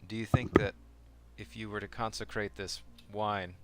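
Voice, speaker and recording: A man speaking as a courteous female adventurer in a tabletop game, polite and measured with hesitations. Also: on the low side, little pitch movement, very noisy, natural voice.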